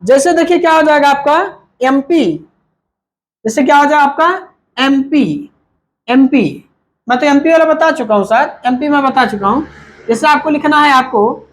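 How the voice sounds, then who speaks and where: High-voiced man teaching grammar. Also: moderate pace. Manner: repetitive, asks and answers his own questions; mixes Hindi with English terms. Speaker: English teacher. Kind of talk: whiteboard grammar lesson.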